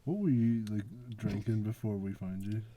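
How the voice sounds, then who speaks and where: Man, dry teasing co-host, mellow tone, dead close sound. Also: on the low side, normal speed, dry recording. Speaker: podcast co-host. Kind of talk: casual chat. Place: parked car.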